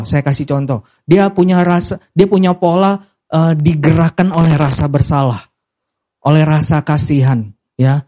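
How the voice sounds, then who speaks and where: High-voiced preacher. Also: male voice, a little mellow. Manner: mixes English words, calls out to the congregation. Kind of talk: sermon.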